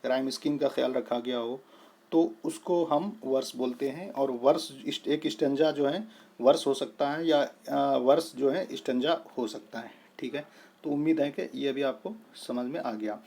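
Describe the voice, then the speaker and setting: A man teaching a lesson, explaining terms step by step, splitting words slowly and often checking that the listener follows. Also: mid-range voice, vocal fry, darkish tone, slightly rough. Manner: repeats "thik hai" to check understanding. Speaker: English tutor.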